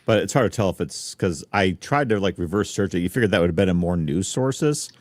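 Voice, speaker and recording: A man on a live entertainment news chat panel, speaking in a hesitant, halting way. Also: deep voice, animated, no room sound, studio quality.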